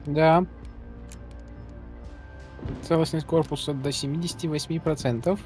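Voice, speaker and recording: A man's voice: a little high, steady tone, unhurried, darkish tone. A man playing a video game, chatting casually with his co-op partner and muttering to himself. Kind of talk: casual co-op gameplay chat. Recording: game music behind the voice. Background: spaceship game music and sounds.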